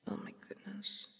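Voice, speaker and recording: A woman's voice: pushed and bright, long reverb tail. A woman streamer in whispered ASMR chat, mostly whispering and chatty, with sudden startled outbursts. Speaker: VTuber streamer.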